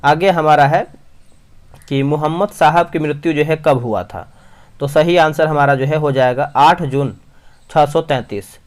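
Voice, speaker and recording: A young man reading quiz questions and answers at speed for exam revision, often restarting words and calling viewers his friends. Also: fairly high pitch. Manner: rapid, frequent restarts, addresses viewers as friends. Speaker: quiz teacher.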